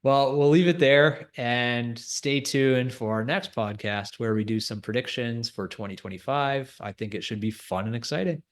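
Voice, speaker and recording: A man's voice: medium pitch, moderate pace, hardly any pauses. A man co-hosting a finance podcast, explaining markets in a thoughtful, hedging way. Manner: thoughtful, hedging, laughs between points. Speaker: co-host. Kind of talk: casual finance podcast chat.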